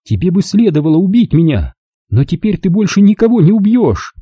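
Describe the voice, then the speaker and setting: A man's voice: high-pitched, sing-song, a little fast, dark tone, breathy edge, dry recording, voice pushed up, exaggerated voice. A man reading an audiobook, voicing a proud, cold wife of a mobster who speaks in cutting, accusing lines. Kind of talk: audiobook character voice.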